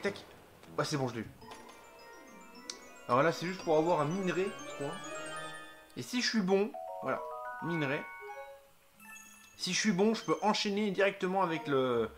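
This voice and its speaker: Man chatting over game music. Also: mid-range voice. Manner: thinking aloud, hesitant, many fillers. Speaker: let's play host. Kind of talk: casual gameplay commentary.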